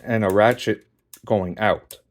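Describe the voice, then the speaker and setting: A man with a fairly low voice talks through a model kit review in a slow, easygoing way. He swears offhandedly as he fiddles with the figure's joints, and he sounds a little out of breath. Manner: relaxed, swears casually, talks while posing a figure. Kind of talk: casual hands-on toy review.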